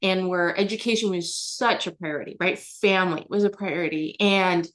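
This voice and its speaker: A young adult woman from Germany appears as a guest on an interview show, answering chattily with frequent fillers and restarts and laughing often. Her voice is on the low side and fairly bright, with fairly even intonation at a normal speed.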